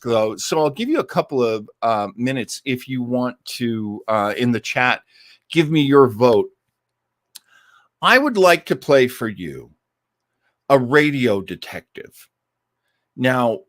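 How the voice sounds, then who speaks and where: An American man hosts a casual livestream for listening to old-time radio, chatting to his audience in an enthusiastic, rambling, conversational way and gushing about his favourites. His voice is mid-range and fairly bright, recorded dry with clean studio sound.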